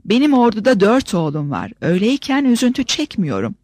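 A woman reads as a stern, outspoken older lady in an audiobook. Her deep, full voice carries across the table with ease. The read is dry and close. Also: wildly swooping pitch, fairly quick, a little mellow, dry recording. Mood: scolding.

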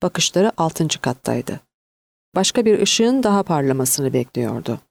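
A woman narrating an audiobook in an expressive, varied reading. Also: low voice, unhurried, gravelly, no room sound.

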